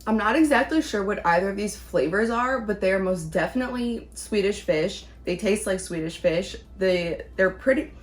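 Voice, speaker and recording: A woman's voice: medium pitch, expressive, normal speed, few pauses, soft background music. A woman chatting casually as she reviews things in a taste-test vlog. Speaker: vlog host, candy reviewer.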